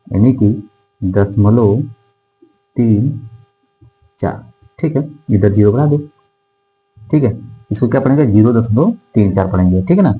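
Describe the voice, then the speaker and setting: In a classroom with a whiteboard, a male math teacher with a fairly low, warm, slightly breathy voice explains decimals. He dictates numbers slowly, digit by digit, and repeats himself, constantly checking in with "theek hai." The audio is dull.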